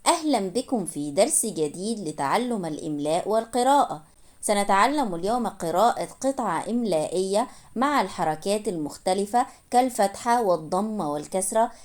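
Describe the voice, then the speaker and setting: A woman's voice: medium pitch, a little mellow. A woman teaching a reading lesson, sounding out each word syllable by syllable and naming the vowel marks. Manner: sounds out syllables slowly, then names each vowel mark. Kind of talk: slow syllable-by-syllable spelling lesson.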